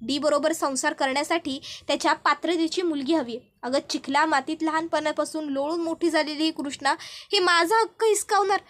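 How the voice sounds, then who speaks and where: A woman's voice: high-pitched, moderate pace, fairly bright tone. A woman voicing Pooja, a possessive, jealous young woman who rants bitterly, in a retold TV serial. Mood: furious. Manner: bitter, ranting.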